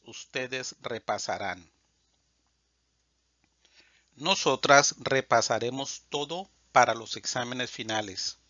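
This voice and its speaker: A man teaching Spanish, reading verb conjugations aloud in a measured, drilled way. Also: mid-range voice, pushed and bright, no room sound. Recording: dull lo-fi dry sound.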